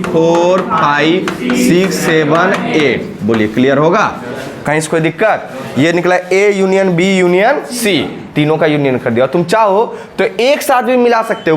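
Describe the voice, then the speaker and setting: A man teaches maths in a classroom, his voice sitting a little high for a man. He counts through the steps aloud and keeps checking with the students, coaxing them to say whether it is clear. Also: a bit bright. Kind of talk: classroom lesson at a whiteboard. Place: classroom, recorded in summer heat.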